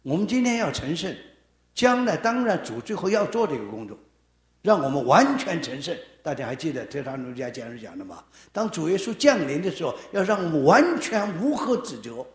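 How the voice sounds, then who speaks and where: A male preacher delivers a sermon in a slightly high voice, swinging widely up and down for emphasis. His words ring out in a roomy, echoing space. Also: brisk. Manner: animated, emphatic delivery with rising and falling emphasis.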